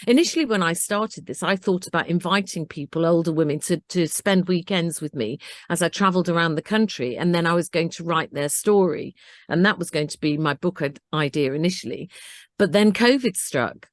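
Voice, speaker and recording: A woman's voice: fairly low pitch, brisk, dry recording. Earnest older woman telling her story. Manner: earnest, animated storytelling with acted-out self-talk. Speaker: interview guest. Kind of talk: conversational interview.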